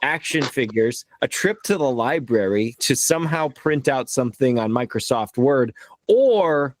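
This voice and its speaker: A man hosting a podcast, hyped and energetic, swearing casually as he talks. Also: mid-range voice, a little slow, slight background noise. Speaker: podcast host. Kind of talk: casual interview chat.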